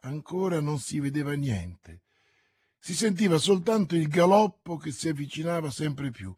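A man reads a classic novel aloud in a measured, dramatic way. His voice is somewhat high for a man and husky. The sound is dry and close, with no room echo. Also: big pitch swings, dark tone. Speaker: audiobook narrator. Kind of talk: scripted narration of a classic novel.

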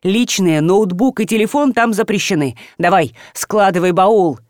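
A woman's voice: mid-range voice, animated, normal speed, no echo, clean studio sound, lightly acted. Woman voicing a furious bossy father. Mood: raging, commanding. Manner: shouting, barking orders. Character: furious wealthy middle-aged male father, bossy. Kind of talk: audiobook character voice.

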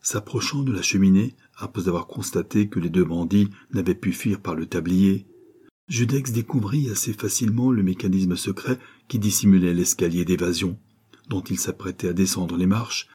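A man narrating an old adventure novel aloud in a measured, dramatic way. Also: low voice, warm tone, breathy edge. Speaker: audiobook narrator. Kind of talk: scripted storybook narration.

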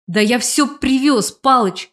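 Woman doing a hoarse, scared young thug. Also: fairly high pitch, moderate pace, fairly bright tone, close to an everyday voice. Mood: pleading. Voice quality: hoarse, babbling. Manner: pleading, defensive. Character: frightened young male courier, hoarse and pleading. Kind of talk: audiobook character voice.

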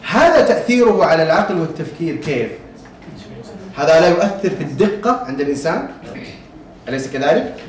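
Male teacher, somewhat high voice, chants verses and checks in with students, echoey room, mic at a distance. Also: very animated. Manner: recites verses in a measured chant, checks in with listeners. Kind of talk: recorded lesson.

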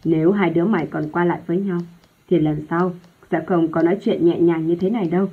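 Storybook role: a shrewish, bossy old mother, read by a woman, husky and loud, on a tinny phone-like recording. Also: lowish voice, steady tone, fast talker. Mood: threatening. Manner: loud scolding, harsh and contemptuous. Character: sharp-tongued shrewish older mother, domineering.

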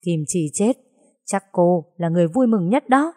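A woman voicing a scornful young woman who sneers and shouts accusations. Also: on the low side, animated, normal speed, in a large hall. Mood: scornful anger.

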